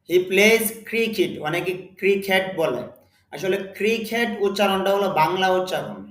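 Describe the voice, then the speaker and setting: A high-pitched man with a Bengali accent gives a spoken English lesson in a roomy-sounding space. He talks slowly and deliberately, repeating words for his students.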